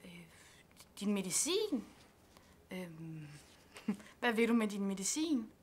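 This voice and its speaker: An actress playing an absent-minded counselor who is dismissive and laughs lightly while not really listening. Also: female voice, mid-range voice, big pitch swings, a little hiss or hum, natural voice. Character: distracted, careless female counselor. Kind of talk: student film acting.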